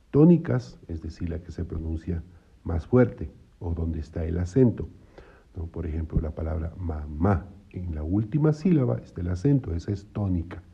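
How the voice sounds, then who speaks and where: Man, patient language lesson, gravelly, muffled lo-fi sound. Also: low-pitched, dark tone. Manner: patient, repeats points, asks "¿no?". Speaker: teacher. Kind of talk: explaining biblical Hebrew syllables.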